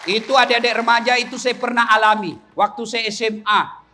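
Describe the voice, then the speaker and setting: A middle-aged man, preaching a comic sermon with lively storytelling, shouting punchlines and laughing with the crowd. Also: very high voice, fairly quick, slight background noise. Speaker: Islamic preacher. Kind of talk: comic sermon to a large gathering.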